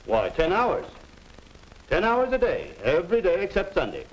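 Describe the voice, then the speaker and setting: Cheerful father, folksy, easygoing, fairly high voice, lively melody, 1950s educational film. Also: moderate pace, full character voice, low-quality recording. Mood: genial, contented.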